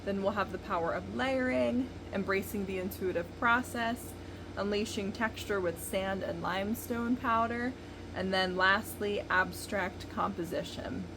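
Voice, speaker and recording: Unhurried and mid-range in pitch, a woman in her thirties chats her way through a painting tutorial in an indoor basement studio. With no external microphone and the camera set at a distance, there's noise in the background.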